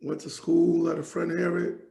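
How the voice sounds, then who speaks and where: Gravelly New man, rambling. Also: a little high, monotone, normal speed, dark tone, reverberant, rough recording. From Jamaica, raised in New York. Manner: rambling, many fillers and restarts. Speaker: hip hop artist, guest. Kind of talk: casual interview talk.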